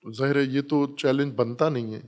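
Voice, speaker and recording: A man's voice: mid-range voice, steady tone, darkish tone. Man lecturing in an echoing hall. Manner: explanatory, repeats points with examples. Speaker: Quran teacher. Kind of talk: Urdu Quran commentary lecture.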